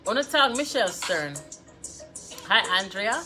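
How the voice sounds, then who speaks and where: Slow-talking Jamaican woman hosting a live stream. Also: mid-range voice, lively intonation, music in the background. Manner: chatty, greets viewers by name, slips into patois. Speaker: host of a live political discussion. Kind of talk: casual live-stream chat. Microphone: phone.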